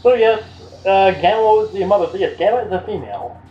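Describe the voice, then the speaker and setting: A young man commentating gameplay in casual chat, excitable and loud, laughing often. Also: high-pitched, a little fast, lo-fi sound. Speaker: let's play commentator. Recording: echoey room with faint game music. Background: faint game music.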